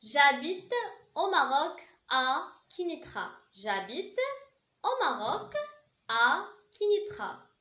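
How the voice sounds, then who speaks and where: Moroccan woman teaching French, lively and high. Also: reverberant. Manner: slow, emphatic repetition of phrases, switching to quick asides. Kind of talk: language lesson for beginners.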